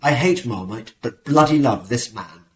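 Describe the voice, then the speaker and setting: An English podcast host with a lively voice that swings up and down a lot. He jokes and teases as he talks. The sound rings around a roomy, echoey space. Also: mid-range voice, normal speed. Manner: lively, jokey, sarcastic. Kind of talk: casual chat and read advert. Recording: roomy echo.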